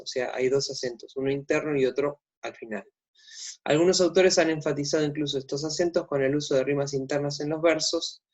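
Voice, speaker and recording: A man's voice: fairly high pitch, darkish tone. Hesitant Argentine male teacher, dull sound. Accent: Argentine Spanish. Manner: hesitant, many fillers and restarts. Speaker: literature teacher. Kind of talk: recorded lecture.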